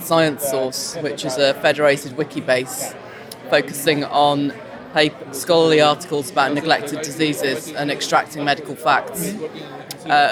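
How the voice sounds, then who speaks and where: Brief: man, flat delivery, businesslike, crowd behind. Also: on the high side. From England. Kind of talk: self-introduction at a meeting.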